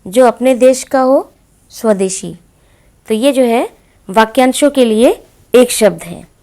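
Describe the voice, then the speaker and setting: Slow-speaking woman Hindi teacher. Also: fairly high pitch, warm tone. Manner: slow, deliberate, addresses students directly. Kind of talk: classroom lesson explaining exercises.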